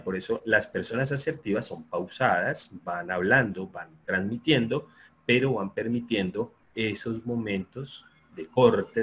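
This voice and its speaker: A man giving an online lecture, explaining in a steady, repetitive way and often checking that listeners agree. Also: on the low side. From Colombia. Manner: explanatory, repeats himself, asks listeners for agreement. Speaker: sports psychology lecturer.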